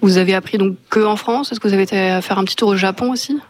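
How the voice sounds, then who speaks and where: An interviewer puts short questions to the guest. The voice moves quickly and stays very flat in pitch.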